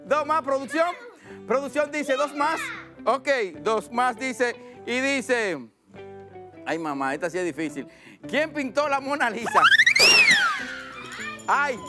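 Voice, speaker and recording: A man's voice: very high voice, expressive, a little slow, loud music behind the voice. A man with a Dominican accent hosting a live children's quiz show, playful, laughing often and singing little drum-roll countdowns.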